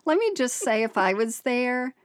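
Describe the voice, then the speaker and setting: A woman's voice: fairly high pitch, very animated, normal speed, dry recording, clean studio sound. A woman podcast co-host reading a listener's story aloud, often breaking into laughter and exclamations.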